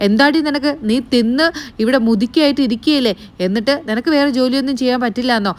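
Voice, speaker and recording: A woman's voice: high voice, quick pace, voice pushed up, close to an everyday voice. Woman putting on a fierce scolding grandmother. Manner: angry, scolding, raised voice.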